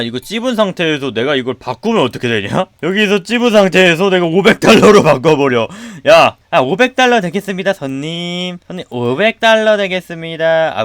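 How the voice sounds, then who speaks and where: A man commentating his own game play, loudly mock-scolding the customers, then muttering to himself. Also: fairly high pitch, no room sound. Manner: excitable, swings from loud outbursts to muttering. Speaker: gaming streamer.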